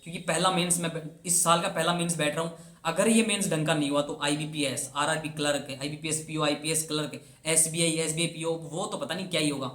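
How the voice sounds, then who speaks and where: A young man with a fairly high voice gives a chatty motivational talk to aspirants. He mixes in English words and keeps hammering his advice home. His voice sounds roomy and echoey. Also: fairly even intonation, a little fast, a bit bright. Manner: earnest, urging and repetitive. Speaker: banking exam coach. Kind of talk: casual motivational talk to camera. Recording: roomy echo.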